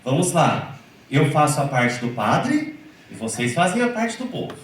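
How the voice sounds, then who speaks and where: A man's voice: fairly high pitch, sing-song, measured pace. A man with a Brazilian Portuguese accent giving a liturgical music lecture, teasing and instructive, leading the audience through chanted examples. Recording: echoey hall from far off, faint hum.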